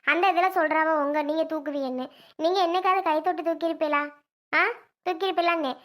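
A woman playing a shrill put-upon village wife. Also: steady tone, quick pace, a bit bright. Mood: defiant. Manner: pleading, then shrill and alarmed. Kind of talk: homemade village comedy skit.

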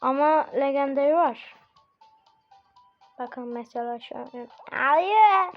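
A woman hosting casual gameplay commentary, chatty and bursting into excited shouts at the game. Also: sits high, slow. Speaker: gaming channel host. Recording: muffled lo-fi recording with faint game music.

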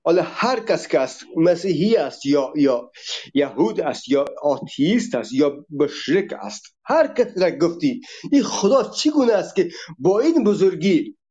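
A man speaks in a fairly high but mellow voice as he delivers an emphatic, impassioned monologue. He speaks straight to his listeners and goes through verses one at a time. The recording is dull and lo-fi. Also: big pitch swings, slightly rough. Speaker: religion critic.

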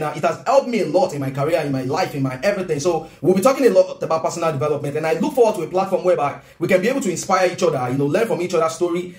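A man in his thirties with a Nigerian accent, talking casually and earnestly to camera from his home kitchen. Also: high-pitched. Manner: animated, gestures a lot, earnest. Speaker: vlogger and business coach. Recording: roomy room echo.

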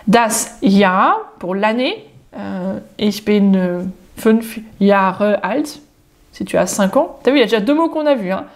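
A woman giving a casual, spontaneous spoken lesson, chatting informally with the viewer and slowing down to say German example phrases. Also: mid-range voice, expressive. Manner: addresses the viewer informally, jokes. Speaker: German teacher.

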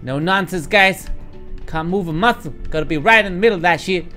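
Brisk and sharp-toned, this man's voice sits high as he streams casual let's-play commentary from home. In his thirties, he fakes a Texas drawl, swears a lot, speaks to his viewers, and gets frustrated in bursts, with game music in the background.

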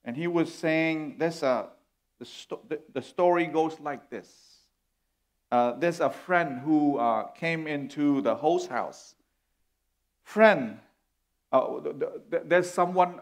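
Slow-speaking preacher. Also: male voice, a little high. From Vietnam. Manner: earnest, warm, gesturing as he preaches. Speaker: guest preacher. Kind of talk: sermon. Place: church stage indoors.

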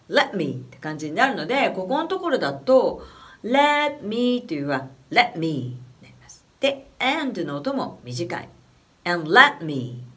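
Lively Japanese woman vocal coach. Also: mid-range voice. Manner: chatty, animated, demonstrates phrases slowly. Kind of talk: casual spoken singing lesson.

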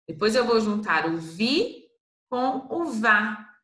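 A woman with a Brazilian Portuguese accent teaches first graders a slow, patient literacy lesson, stretching out each syllable. Her voice is fairly high, very animated and a bit bright, in an echoey room.

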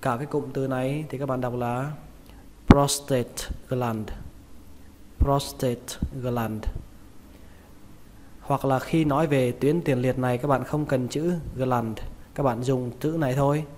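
A man with a Vietnamese accent teaching English pronunciation, repeating each word slowly and stressing its syllables. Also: mid-range voice, steady tone, darkish tone. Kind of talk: pronunciation lesson. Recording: reverberant room with faint noise.

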